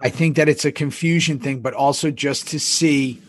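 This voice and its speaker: A man's voice: on the high side, steady tone, moderate pace, no echo. A man co-hosting a podcast, telling stories in a casual, conversational way. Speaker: podcast co-host. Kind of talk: casual chat, storytelling.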